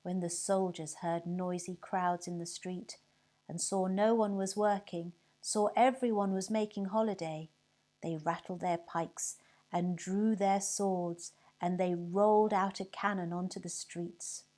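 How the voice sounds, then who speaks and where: Slow mellow woman reading a story. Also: on the low side. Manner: expressive, whispers and cheerful shouts for effect.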